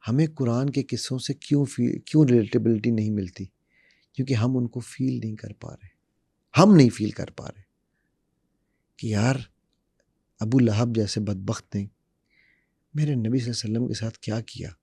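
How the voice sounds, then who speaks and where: A man's voice: medium pitch, fairly even intonation, normal speed, creaky, pauses often, dark tone, breathy edge, no echo. A middle-aged man explaining public speaking as an interview guest, demonstrative and fond of repeated examples. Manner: demonstrative, uses repetition and acted examples. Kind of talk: animated explanatory talk.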